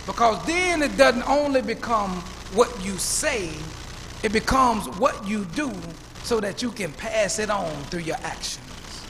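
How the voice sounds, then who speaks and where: Male pastor, fifties, high voice, storytelling sermon, reverberant church hall. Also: lively intonation, unhurried, fairly bright tone. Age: 50s. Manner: preacherly storytelling, repeats words when building up. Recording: church hall reverb, faint room noise.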